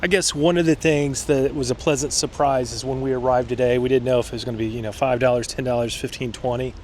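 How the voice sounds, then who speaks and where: A man's voice: medium pitch, fairly even intonation, fast talker, darkish tone. Casual male vlogger in noisy outdoor surroundings. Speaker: travel vlog host. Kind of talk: casual vlog chat. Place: outdoors in city streets and parks. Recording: outdoor city and traffic noise.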